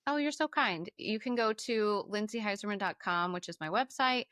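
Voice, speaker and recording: A woman's voice: mid-range voice, normal speed, fairly bright tone, dry recording, studio quality. A woman in her forties, a life coach, talking on a podcast in an enthusiastic, affirming way. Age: 40s. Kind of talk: casual conversation.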